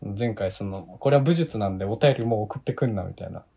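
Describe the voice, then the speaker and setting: A man with a slightly husky voice, bantering casually and tossing playful retorts as a podcast co-host. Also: on the low side, fast talker, mellow. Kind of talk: casual chat.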